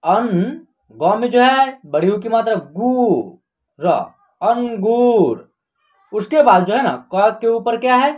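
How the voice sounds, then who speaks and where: A man's voice: sits high, lively intonation, a little slow. Patient man teaching reading syllable by syllable. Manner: patient, repetitive, often checks if the viewer is following. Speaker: online Hindi teacher and channel host. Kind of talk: slow classroom lesson, spelling out words syllable by syllable.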